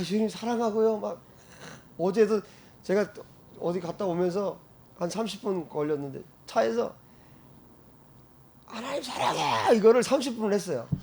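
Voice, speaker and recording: A male pastor preaching an animated sermon, breaking into loud shouted exclamations and frequent laughter. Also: high-pitched, a little hiss or hum.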